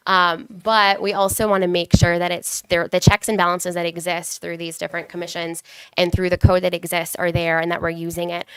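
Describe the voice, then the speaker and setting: A woman with a cold, sounding stuffy, giving an earnest, fast public comment at a city council meeting. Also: on the low side, little pitch movement, fairly bright tone, clean tone, no echo. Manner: earnest, quick, organized with many restarts.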